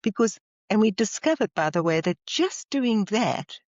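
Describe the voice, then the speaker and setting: A woman with a South African accent speaks at a mid pitch, explaining her ideas in an earnest, steady way. The sound is dry and a little muffled. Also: moderate pace, dry recording. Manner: earnest, explanatory, now and then laughing. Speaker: leadership trainer and guest. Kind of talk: interview conversation. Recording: slightly muffled, dry audio.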